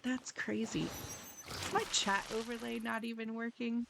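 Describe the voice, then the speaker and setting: Female game streamer, friendly and flustered, casual unhurried chat, some vocal fry, close and slightly muffled dry mic. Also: fairly high pitch, fairly even intonation, background noise. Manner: friendly, apologetic, flustered rambling. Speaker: live game streamer, host. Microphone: microphone a few inches away.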